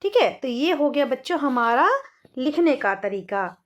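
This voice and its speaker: A woman's voice: high-pitched, expressive, a little slow. A woman teaching young children to read, patiently sounding out each word and saying it twice. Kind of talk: children's Hindi reading lesson.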